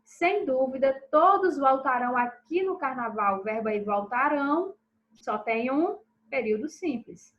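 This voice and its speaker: A woman teacher going through a recorded review lesson for pupils, checking in with them after each answer and stressing syllables slowly and clearly. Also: sits high, lively intonation, a bit bright, dull audio, slight background noise.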